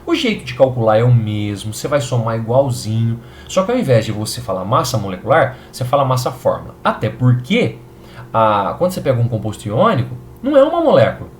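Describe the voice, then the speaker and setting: A man's voice: medium pitch, very animated, fairly quick, slight background noise. A man with a Brazilian Portuguese accent teaching a chemistry video lesson, upbeat and reassuring, often checking in with his students.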